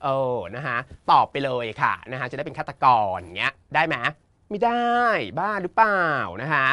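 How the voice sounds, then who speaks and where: A man with a Thai accent teaching an English exam lesson in a playful, teasing, campy way, reading the English options slowly. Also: a little high, very animated, pushed and bright, no echo. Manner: campy, teasing, uses feminine polite particles.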